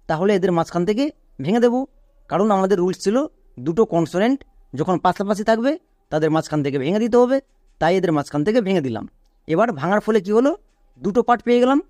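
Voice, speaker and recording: High-voiced man teaching step by step. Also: a little mellow, no room sound, clean studio sound. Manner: patient, step-by-step explaining with repeated rules; spells words out slowly letter by letter. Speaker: English teacher. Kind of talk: online phonics lesson.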